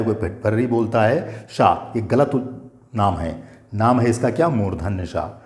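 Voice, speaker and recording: A man's voice: medium pitch, darkish tone, echoey room. An older man teaching Sanskrit grammar, patiently repeating terms and asking his students questions. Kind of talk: explanatory grammar lesson.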